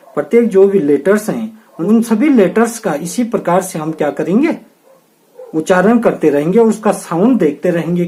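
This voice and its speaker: An unhurried teacher walks beginners through English letter sounds one word at a time, saying each example slowly. The voice is dark and mellow. The teacher keeps checking in with the learners between examples. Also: mid-range voice. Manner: slow, patient teaching with repeated "ठीक है ना?" checks. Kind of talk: explaining English pronunciation to beginners in Hindi.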